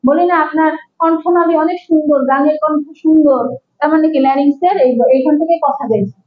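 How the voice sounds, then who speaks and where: The audio is narrow and tinny as a young woman with a Bangladeshi Bengali accent delivers a medical lecture, explaining patiently, asking questions and repeating key terms. She talks fast in a high pitch with fairly even intonation.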